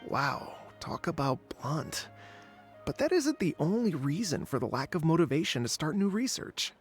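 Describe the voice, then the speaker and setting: A man's voice: on the high side, sing-song, normal speed, faint music behind. An actor playing a chatty, unmotivated young male researcher who justifies himself, in a video game. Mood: casual. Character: idle young male researcher, casual, unmotivated excuse-maker. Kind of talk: video game dialogue acting.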